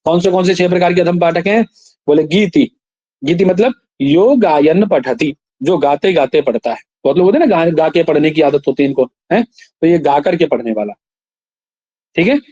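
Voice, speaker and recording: A man teaching a class, slowly reciting verses, then explaining them and quizzing his students. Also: on the high side, expressive, dark tone, no echo, lo-fi sound. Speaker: Sanskrit teacher. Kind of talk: classroom lecture.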